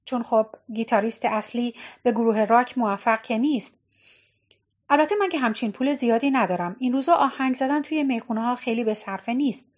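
A woman's voice: fairly high pitch, expressive. A woman voicing a resentful young man, a former drummer, who talks in a bitter, complaining way in an audiobook. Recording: dull lo-fi recording.

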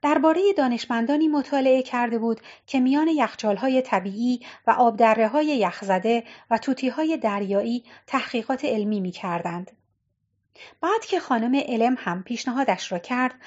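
A woman narrates an audiobook in a measured, even way. Her voice sits fairly high. The recording sounds dull and lo-fi. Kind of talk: scripted narration.

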